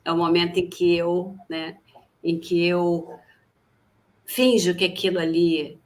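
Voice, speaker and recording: Woman co-host, low voice, reflective, fond of metaphors. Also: fairly even intonation, slow. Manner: reflective, quotes songs and metaphors. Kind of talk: live talk, reflective comments.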